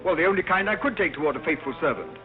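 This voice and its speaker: An actor playing a jovial society gentleman in 1930s film screwball comedy banter, bluffing his way along with stammers. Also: fairly high pitch, expressive, very fast, lightly acted. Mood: improvising, bluffing. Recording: muffled 1930s film soundtrack, music behind.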